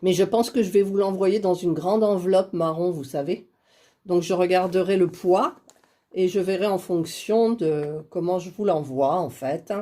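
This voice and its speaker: A woman's voice: fairly low pitch, normal speed, warm tone. A woman chatting casually while drawing giveaway winners on a computer, laughing at her own fumbling. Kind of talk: casual screen-recorded vlog.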